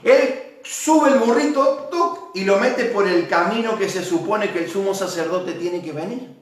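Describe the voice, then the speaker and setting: A man preaching a sermon as pastor, lively and dramatic, acting out the shouts of a crowd. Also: sits high, measured pace. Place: church. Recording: very echoey church hall, mic far off.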